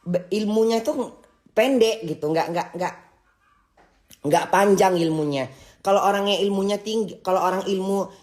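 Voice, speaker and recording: A woman with a mid-range, somewhat mellow voice hosts a livestream, ranting casually and scolding. Her delivery is halting, with frequent stumbles and restarts.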